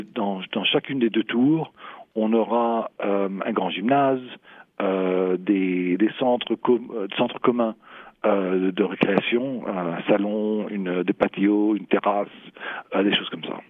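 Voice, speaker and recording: A man in answers interview questions haltingly, searching for words and repeating himself. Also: fairly low pitch, no room sound. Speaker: property developer, executive interviewee. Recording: thin phone-like sound.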